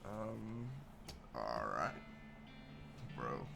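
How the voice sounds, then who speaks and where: A man's voice: sits low, big pitch swings, extremely slow, creaky, over music. A man giving casual commentary on a video game playthrough, mumbling asides and reading on-screen text aloud.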